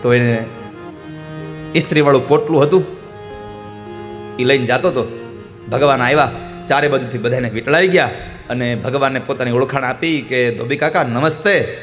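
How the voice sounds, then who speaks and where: A man's voice: mid-range voice, moderate pace, long pauses, faint music behind. A man telling a devotional folk story, animatedly acting out the characters' lines.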